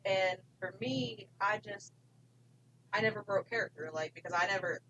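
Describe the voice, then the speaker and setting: A woman's voice: medium pitch, moderate pace, a bit bright, lo-fi sound. A woman talks casually in a rambling way, filling her sentences with "like" and "um." A faint hiss sits behind her voice. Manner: rambling, many fillers like "like". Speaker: haunted house actor. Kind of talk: casual chat.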